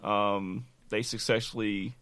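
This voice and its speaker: A man's voice: fairly low pitch, fairly even intonation, takes it slowly, fairly bright tone, clean tone, dry recording, clean studio sound. A man co-hosting a casual podcast chat, explaining at length with frequent "uh" fillers and casual swearing. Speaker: podcast co-host.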